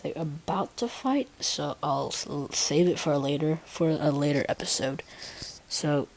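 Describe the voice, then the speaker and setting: A woman reading her first-person fan fiction aloud in a halting way, breaking off for casual asides to her viewers. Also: low-pitched, a little mellow. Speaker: story reader and channel owner.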